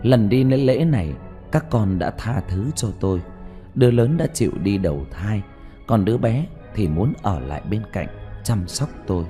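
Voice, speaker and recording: A man reading a first-person story aloud in a slow, emotive, mournful narration. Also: fairly low pitch, animated. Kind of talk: dramatic audiobook narration. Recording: soft music bed behind.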